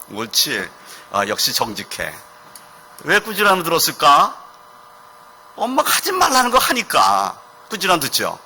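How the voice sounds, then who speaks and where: Male pastor, children's sermon in church. Very bright, lively voice. Asks the kids questions and answers them himself. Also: on the high side.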